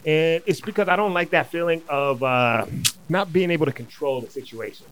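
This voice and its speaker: A man's voice: a little high, moderate pace, fairly bright tone, low-quality recording. A man co-hosting a casual conversation, agreeable, telling a story from his early work as an MRI technologist. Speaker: co-host.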